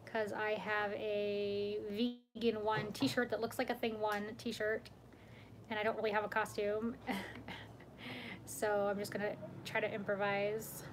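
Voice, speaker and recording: A woman's voice: mid-range voice, monotone, a little slow. A young woman casually chatting on a home livestream, greeting viewers by name and laughing often. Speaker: vlog host. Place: home room.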